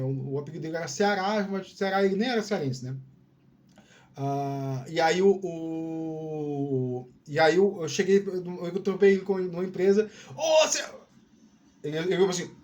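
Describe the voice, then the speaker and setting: A man's voice: fairly high pitch, darkish tone. Candid Northeastern Brazilian man, drawling. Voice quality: drawling speech. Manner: rambling and candid, many restarts and "né, cara" tags. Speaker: YouTube channel host. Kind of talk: casual solo talk to camera.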